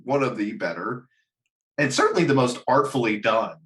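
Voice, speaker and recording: A man with a medium-pitched voice at normal pace joins a podcast panel on films and games. His casual talk is energetic and meandering, full of profanity and laughter.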